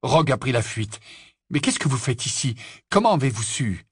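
An urgent teenage wizard hero, brisk and to the point, as a male reader voices him. A husky, dry voice only a little above the reader's own. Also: mid-range voice, sing-song, no room sound.

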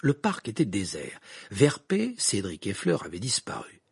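This is a man narrating an audiobook with a very animated, swinging delivery. His voice is gravelly and deeply husky. The recording is close and completely dry. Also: measured pace, no room sound. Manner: expressive reading, wide pitch swings.

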